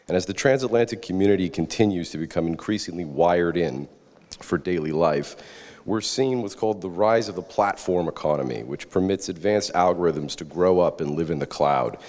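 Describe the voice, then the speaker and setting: A man's voice: low voice, a little mellow. A man giving formal, courteous podium remarks as the facilitator of a conference panel, with rhetorical turns. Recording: reverberant hall.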